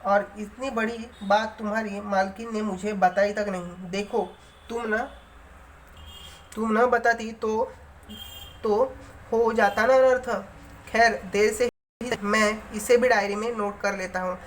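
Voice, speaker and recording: A stern middle-aged master of the house who scolds and then lectures in an average-pitched voice, as a woman reader puts him on. He moralizes at length, hard and insistent, in a read-aloud story. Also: steady tone, a little slow, slight background noise, lightly acted. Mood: angry.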